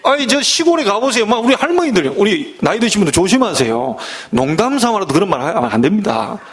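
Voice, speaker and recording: A middle-aged male pastor with a Jeolla Korean accent preaches with great energy, his pitch swinging widely between high and low. He acts out other people's voices and mock curses along the way, and his voice sits on the higher side for a man. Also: sing-song, quick pace. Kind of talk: sermon.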